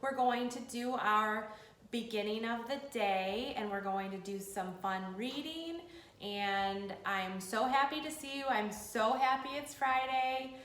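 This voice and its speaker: A woman teaching young children like a kids show host, encouraging and sing-song, pausing for them to answer. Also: on the high side, a bit bright, reverberant, low-quality recording. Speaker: early grade school teacher leading a remote morning class. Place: indoors at a school.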